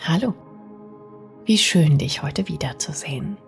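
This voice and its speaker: A woman narrates a bedtime sleep story in a soft, soothing, partly whispery way, speaking intimately to the listener. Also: low voice, expressive, measured pace, vocal fry. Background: music.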